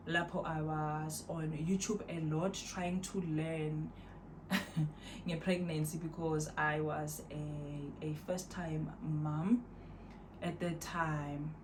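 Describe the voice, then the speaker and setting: A woman's voice: sits low, background noise. A South African woman in her thirties chatting casually to her viewers at home, laid-back and rambling, mixing in Zulu phrases. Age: 30s. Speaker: vlogger. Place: at home, indoors.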